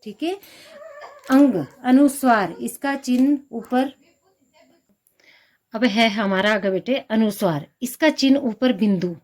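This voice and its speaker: Slow, mellow-voiced woman teaching Hindi letters. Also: fairly high pitch. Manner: patient, reciting letters one by one, calls students "beta". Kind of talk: classroom lesson.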